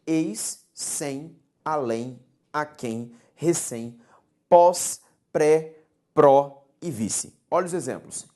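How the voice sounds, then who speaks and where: Low, warm woman teacher, didactic lesson delivery, repeats key points. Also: drawn-out words. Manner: didactic, repeats key words, checks in with "tudo bem?". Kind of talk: recorded grammar lesson.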